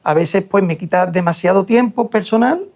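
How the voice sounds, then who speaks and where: High-pitched and a little mellow, this young man's voice moves at a moderate pace. He's a hair transplant surgeon from Seville, Spain, reflecting as an interview guest with frequent hesitations.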